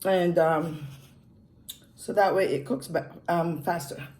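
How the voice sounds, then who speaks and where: A mukbang vlogger from Jamaica who was raised in Montreal talks slowly with a mix of Jamaican and Quebec French accents. Her fairly low, steady, darkish voice sounds roomy as she chats casually and pauses to eat.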